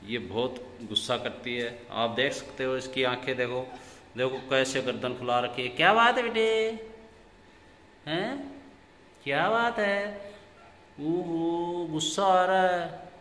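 A man's voice: on the high side, slow pace, a bit bright, long reverb tail, a little hiss or hum. A man filming his pet parrots at home, talking to them in coaxing, sing-song baby talk. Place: inside a home.

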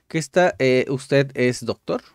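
A man's voice: medium pitch, unhurried, a little hiss or hum. A young man hosting his channel, casually commenting and translating language-app stories aloud, thinking aloud with lots of fillers.

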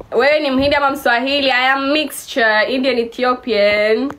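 A woman's voice: sits high, a bit bright, slight background noise. A woman in her twenties from Kenya, chatting casually and teasing her viewers on a live stream. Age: 20s. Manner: playful teasing, mixes English and Swahili.

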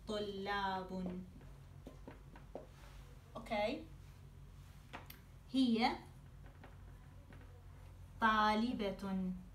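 A woman teaching a lesson, saying each word slowly and repeating it, with her own pronunciation. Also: on the high side, far from the mic. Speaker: Arabic teacher. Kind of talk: slow language lesson. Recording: roomy, off-mic, faint hiss.

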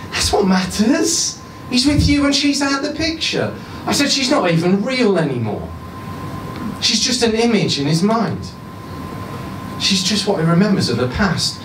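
At a stand mic in a small indoor bar, a man in his thirties reads a short story to a live audience, pitching the woman's lines higher and turning quiet and low toward the end. A far-off camera picks up the roomy bar sound along with a background hum.

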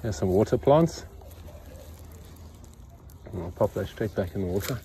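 Working in a yard beside a pond, a man vlogs about his farm on a handheld phone from his own point of view. He speaks on the low side at normal speed, animated and dark in tone, with slight background noise. His casual narration is blunt, opinionated and matter-of-fact.

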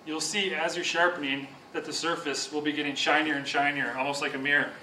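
A young speed skating sharpening instructor with a bright, fairly high voice calmly demonstrates a hands-on task step by step, speaking briskly. He's far from the camera mic in a large office room with a whiteboard and windows, so his voice echoes, with slight background noise.

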